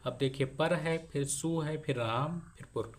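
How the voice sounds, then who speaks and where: A man teaching how to spell names in English, explaining step by step as he writes, with pauses while he works. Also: fairly high pitch, a little hiss or hum. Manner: slow, explaining step by step while writing on a board. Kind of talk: spoken lesson on spelling Hindi names in English.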